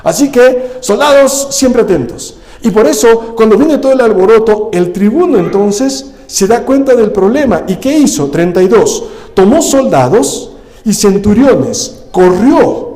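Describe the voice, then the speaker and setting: A male pastor preaching a lively sermon, often calling his listeners "brother" and asking them rhetorical questions. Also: high-pitched, unhurried. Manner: animated, addresses listeners as "hermano", rhetorical questions. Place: church hall. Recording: echoey church hall.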